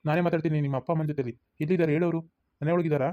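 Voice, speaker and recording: Playing an impatient, pushy college-age lover, a man demands an answer again and again in a demanding mood. He speaks very fast, with a highish, mellow, near-everyday voice and fairly even intonation, all through a tinny, phone-like recording.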